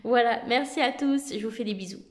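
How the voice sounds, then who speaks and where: A woman vlogger chatting casually to camera, relaxed, with many filler words as she presents card decks. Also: a little high, fairly quick.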